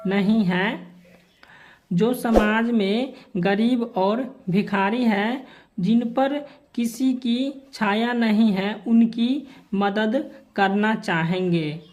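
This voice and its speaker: Slow-paced woman teacher explaining answers. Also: medium pitch. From Bihar, India. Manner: slow, repeats formulaic phrases while writing answers. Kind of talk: homework answer walkthrough lesson.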